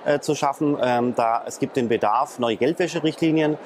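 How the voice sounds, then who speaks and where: A man's voice: medium pitch, normal speed, a little hiss or hum. A man explaining things as an interview guest, talking hesitantly with many filler sounds and restarts. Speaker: interview guest, blockchain expert. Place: in Frankfurt, near traffic.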